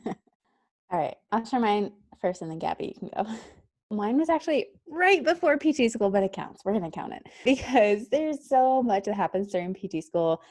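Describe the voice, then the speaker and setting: A woman's voice: mid-range voice, a little mellow, dry recording, clean studio sound. Giggly young woman telling a story. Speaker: podcast guest, physical therapy student. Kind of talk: casual podcast chat.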